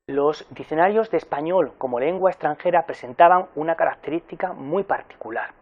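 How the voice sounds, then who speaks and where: A man giving a recorded university lecture in an explanatory way, pausing with fillers and correcting himself as he goes. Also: on the high side, expressive, phone-quality sound.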